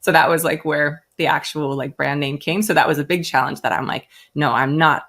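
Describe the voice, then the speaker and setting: A woman's voice: low-pitched, fairly even intonation, fairly quick, gravelly, a bit bright. An American woman, a brand founder, telling her story in a casual interview and acting out the voices of the people she quotes. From United States. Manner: chatty, acts out quoted voices.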